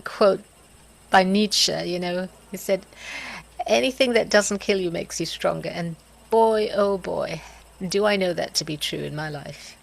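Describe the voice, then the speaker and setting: Woman, middle-aged, slow halting reflection, gravelly voice, soft sighs and laughs. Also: mid-range voice, low-quality recording. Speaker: host of a reflective video series.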